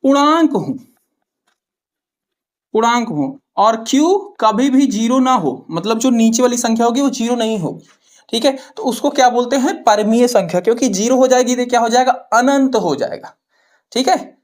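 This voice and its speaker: A woman's voice: fairly high pitch, normal speed, darkish tone. A woman with a Hindi accent from Uttar Pradesh teaching maths. She asks questions, answers them herself and keeps checking with "ठीक है". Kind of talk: classroom-style explanation to students.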